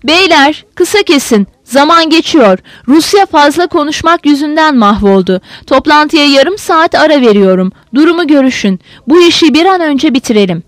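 A woman voices a weary male commander in an audiobook, snapping out short, impatient orders. The voice sits high and moves a lot. The recording is dry and close. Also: lively intonation, normal speed, hardly any pauses, no echo. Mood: curt, impatient. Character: stern weary male general, curt commander.

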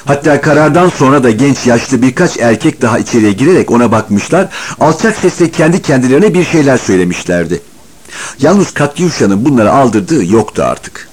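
Husky man reading an audiobook. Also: medium pitch, normal speed. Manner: expressive storytelling, varied intonation. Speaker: audiobook narrator. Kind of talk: scripted audiobook narration.

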